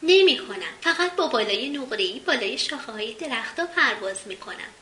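A woman doing a high, eager little boy. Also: very animated, pushed and bright. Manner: eager, exclamatory. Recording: roomy with faint hiss.

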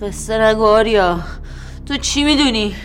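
An actress playing a distraught young woman on morphine, who fires back sharp, defiant retorts. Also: on the high side, lightly acted.

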